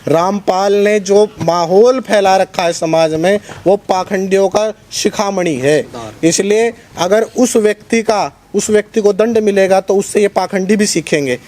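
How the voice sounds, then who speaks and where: A man speaking as a religious organisation's spokesman at a press conference, in a forceful, combative preaching tone. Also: high voice, unhurried. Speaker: Arya Samaj spokesman.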